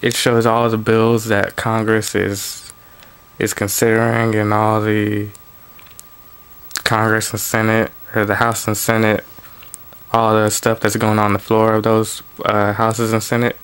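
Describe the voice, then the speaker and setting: A man's voice: fairly low pitch, monotone, measured pace, fairly bright tone, smooth. A man reading news articles aloud and adding casual, offhand commentary of his own. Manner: plain reading broken by offhand asides and restarts. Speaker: political commentary vlogger.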